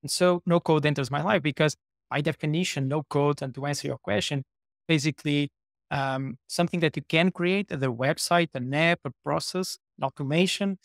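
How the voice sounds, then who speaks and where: Chatty man from Portugal, fairly high voice. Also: normal speed, creaky, no echo, studio quality. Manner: chatty, many fillers and restarts. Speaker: guest, startup co-founder. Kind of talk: casual interview talk.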